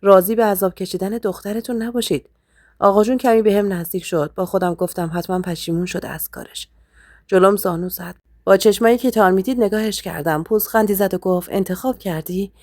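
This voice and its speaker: A woman storyteller reading a dramatic family story aloud, voicing all characters softly in her own voice. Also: mid-range voice, steady tone, no room sound, clean studio sound. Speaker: storyteller narrator. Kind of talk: scripted story narration.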